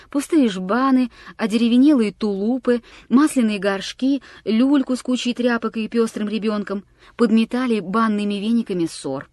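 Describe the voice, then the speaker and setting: Woman, audiobook narrator, fairly high voice, measured expressive telling, dry room. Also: dry recording. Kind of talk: audiobook reading of classic prose.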